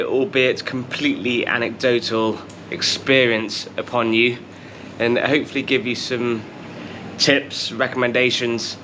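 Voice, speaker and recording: A man casually giving rambling travel tips in a wry, understated way, pronouncing his R's softly like W's. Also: medium pitch, a little hiss or hum, rough recording. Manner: can't pronounce R's, says them like W. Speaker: travel vlogger.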